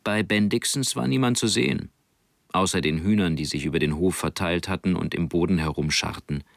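A man calmly reading an audiobook as narrator. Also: deep voice, brisk, gravelly, no room sound, clean studio sound.

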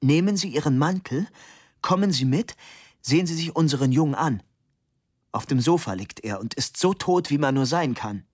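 A man's voice: medium pitch, expressive, unhurried, a bit bright, breathy edge, dry recording, studio quality. A man reading an audiobook and voicing a grieving middle-aged father who makes bitter, accusing outbursts. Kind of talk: audiobook narration.

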